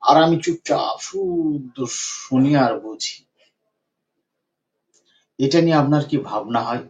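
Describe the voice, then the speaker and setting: A man's voice: fairly high pitch, huge pitch swings, unhurried, gravelly. A man working as a homeopathic doctor, retelling a patient's case and repeating phrases for emphasis. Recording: dull lo-fi recording.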